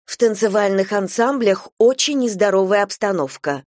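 A woman's voice: a little high, expressive, moderate pace, no echo, studio quality, pitched above the performer's own voice, lightly acted. A woman reading a weary, grumbling mother. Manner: pleading, grumbling, categorical.

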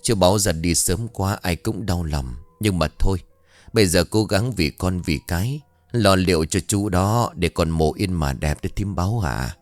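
A kindly older village neighbor woman offers soft, steady comfort, as a male narrator reads her lines. Her voice sits low and close, lightly shaped rather than fully acted. Faint music runs quietly behind her in a dry, close sound. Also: moderate pace, no echo, lightly acted. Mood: consoling. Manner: soothing, gently urging.

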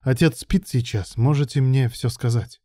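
A man voicing a polite young man, a patient's son, speaking slowly, in an audiobook reading. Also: medium pitch, dark tone, dry recording, clean studio sound, natural voice.

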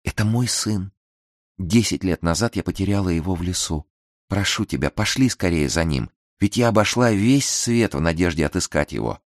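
A man's voice: on the low side, expressive, moderate pace, no echo, clean studio sound, pitched above the performer's own voice, lightly acted. A man voicing a ragged, grieving mother who pleads tearfully with her son in a storybook tale. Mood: pleading.

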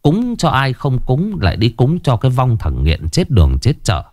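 A man voicing a sharp-tongued gossiping woman who speaks with crude, mocking words. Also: mid-range voice, wildly swooping pitch, moderate pace, voice pushed up.

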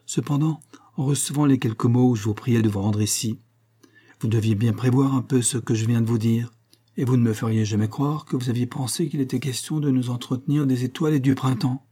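A bitter husband back from the dead makes his claim in a hard, imperious, cynical tone, as a man reads him aloud in an audiobook. The voice is dark and a little husky, and the lines come in cold, clipped statements of his rights. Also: medium pitch, steady tone, brisk, close to an everyday voice. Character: bitter middle-aged husband returned from the dead. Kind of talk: audiobook character reading.

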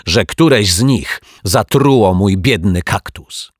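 A man voicing an excitable male detective in a children's story, shouting in indignation. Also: fairly low pitch, slow pace, no echo, studio quality. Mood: indignant. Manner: shouting, agitated.

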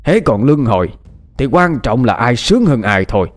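A man's voice: mid-range voice, big pitch swings, moderate pace, soft background music, natural voice. A man voicing a gloating, cruel middle-aged villain of a martial sect who mocks his captives in an audiobook story. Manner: mocking, laughing, self-satisfied.

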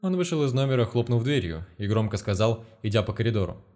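A man narrating an audiobook in an even, matter-of-fact manner. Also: on the low side, quick pace. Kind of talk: scripted narration.

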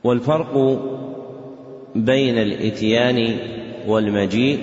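In a big mosque, an Islamic scholar with a medium-pitched, darkish voice and fairly even intonation gives a dictated lesson to his class. Every measured phrase is repeated twice, scripture lines are slightly chanted, and the lo-fi hall recording sounds echoey and dull.

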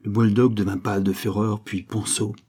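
A man narrating a short story in a measured, dramatic manner. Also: lowish voice, flat delivery, mellow, breathy edge.

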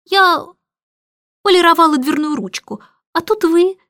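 A woman voicing a fussy, excitable older female housekeeper in a storybook reading, gushing and breathless. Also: very high-pitched, a little slow, dry recording, clean studio sound, pitched above the performer's own voice, heavily acted. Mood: flustered. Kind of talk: audiobook character reading.

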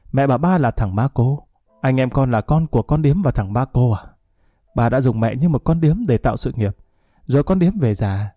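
A man's voice: medium pitch, mellow, no echo, natural voice. A man voicing a bitter, sarcastic young son. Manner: mocking, coolly sarcastic.

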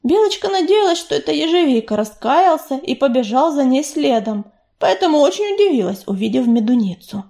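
A woman reads a children's storybook aloud as narrator. Her voice is high and sweeps across a wide range. The delivery is expressive and animated. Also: brisk, few pauses. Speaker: audiobook reader.

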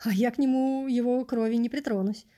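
A woman's voice: on the high side, fairly even intonation, a little fast, warm tone, lightly acted. A woman voicing a smug, contemptuous man. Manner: contemptuous, self-righteous. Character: smug, squeamish middle-aged male scholar. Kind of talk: audiobook reading.

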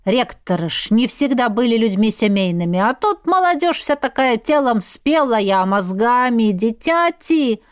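A woman's voice: on the high side, sing-song, moderate pace, few pauses, clear, resonant tone. A woman voicing a gossipy, grumbling old village woman who rambles in folksy talk. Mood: grudging.

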